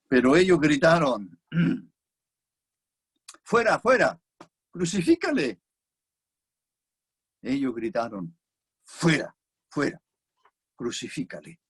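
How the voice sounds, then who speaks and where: A man's voice: medium pitch, gravelly, darkish tone, slightly rough. A man with a Chilean Spanish accent preaching an expository sermon, reflective and repeating key phrases for emphasis.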